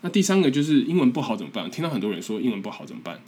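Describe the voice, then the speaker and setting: A man's voice: mid-range voice, sing-song, racing, warm tone, slight background noise. A man in his twenties from Taiwan with a Taiwanese Mandarin accent, hosting a casual podcast monologue in an earnest, encouraging, self-deprecating way. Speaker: podcast host.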